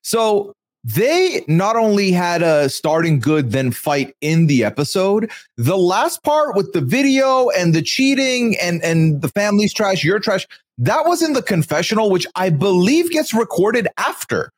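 A male podcast host talks through a recap in a loose, rambling way, often breaking into chuckles. His voice moves around a lot in pitch and sits a bit above the usual for men. The recording is close and dry. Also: big pitch swings, measured pace, no room sound. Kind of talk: casual recap chat.

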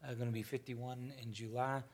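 A man's voice: medium pitch, flat delivery, fairly quick. A man in his fifties leading a church panel discussion in a folksy, rambling way, often restarting his sentences. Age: 50s. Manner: rambling, self-correcting, folksy.

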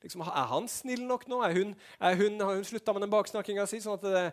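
Preacher doing a fussy God checking up on believers, quick and teasing, the preacher's own high voice. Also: male voice, natural voice. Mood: mocking.

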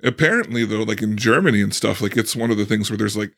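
Gravelly-voiced man, casual podcast chat. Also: fairly low pitch, fairly bright tone. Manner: laughs often, halting restarts. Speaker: podcast co-host.

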